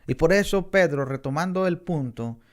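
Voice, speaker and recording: A man's voice: fairly high pitch, moderate pace. Man, middle-aged, earnest Bible class preacher, emphatic rises on key words. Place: church in Texas.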